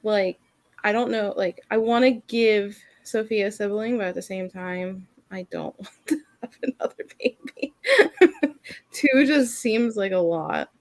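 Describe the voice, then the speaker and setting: A woman's voice: mid-range voice, unhurried, darkish tone, dry recording. A woman co-hosting a casual mom podcast, rambling and filling her talk with "like". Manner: rambling, heavy use of "like". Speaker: podcast co-host. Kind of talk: casual chat.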